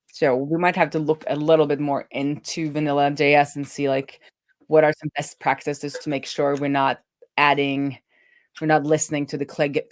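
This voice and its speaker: A woman web developer hosts a casual coding stream, talking informally and thinking out loud as she works. Her voice is low, and the studio-quality audio has no echo.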